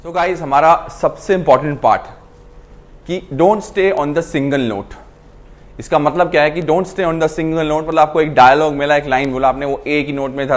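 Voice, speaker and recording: A man teaching acting to camera, explaining in a casual mix of Hindi and English and acting out lines to show his points. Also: a little high. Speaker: acting coach.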